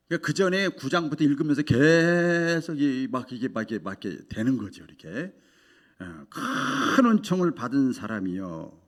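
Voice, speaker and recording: Lively, bright-voiced Korean pastor preaching. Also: male voice, mid-range voice, husky. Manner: emotional testimony, swinging from hushed to loud. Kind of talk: sermon.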